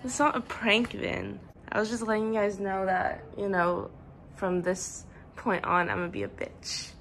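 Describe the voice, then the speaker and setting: A woman's voice: mid-range voice, lively intonation, normal speed, creaky, fairly bright tone, faint music behind. A young woman hosting a casual vlog, playful and teasing, laughing often with friends. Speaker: vlog host. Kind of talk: casual chat. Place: busy eatery. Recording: noisy background ambience.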